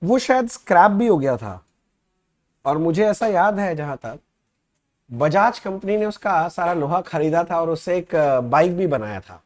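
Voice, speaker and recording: A man's voice: a little high, animated. A man teaching accounting in a casual classroom lecture, chatting. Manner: conversational, reads questions aloud slowly and loudly.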